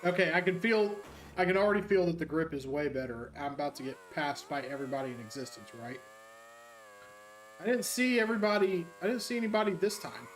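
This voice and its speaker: A man streaming a racing game and joking his way through casual, rambling commentary as a high school teacher. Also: a little fast, roomy sound, a little hiss or hum. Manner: jokey, rambling, self-mocking.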